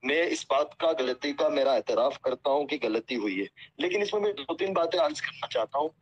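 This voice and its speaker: A deferential Islamic cleric apologizes earnestly on a phone call that sounds muffled, with a little hiss or hum in the line. His mid-range voice is animated and fairly quick, and his pious talk is full of religious expressions.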